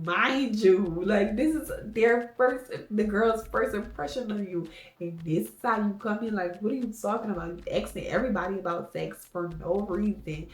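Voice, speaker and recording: A woman's voice: mid-range voice, recorded from a distance. A young woman vlogger giving a casual, blunt and opinionated recap in which she swears freely. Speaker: vlogger recapping a reality show. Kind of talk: casual commentary. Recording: echoey room with faint music behind.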